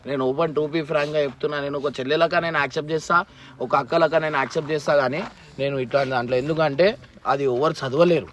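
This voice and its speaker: A man's voice: a little high, steady tone, a bit bright. A man, firmly lecturing and advising in a family drama skit. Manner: firm, lecturing, fast-talking. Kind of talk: scripted family drama acting.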